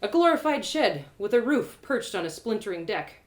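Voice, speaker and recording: A storyteller reads her own audio drama aloud live, her mid-range voice moving at a moderate pace. Her delivery is expressive, and she often laughs at her own lines.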